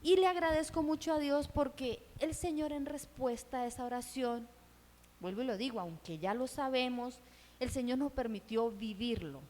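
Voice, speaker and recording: High-voiced woman giving a church testimony. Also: normal speed, a little mellow. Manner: earnest, asks the audience rhetorical questions. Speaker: missionary speaker at a church event. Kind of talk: personal testimony sermon. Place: church hall. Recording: reverberant hall.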